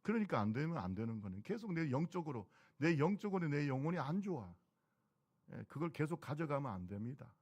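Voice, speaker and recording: A man's voice: a little high, sing-song, a little fast, darkish tone, breathy edge, dull audio. A middle-aged man preaching a sermon as pastor, exhorting the congregation with repeated calls.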